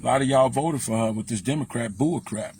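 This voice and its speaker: A man's voice: medium pitch, fairly quick, noisy background. A man with a Chicago accent hosting a casual livestream, blunt and preachy, speaking straight to his viewers. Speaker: livestream host.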